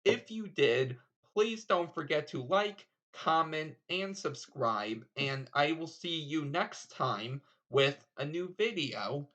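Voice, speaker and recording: Unhurried man giving a casual tutorial, dull sound. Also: a little high, lively intonation, a bit bright. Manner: informal, step-by-step explaining. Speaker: card trick tutorial presenter.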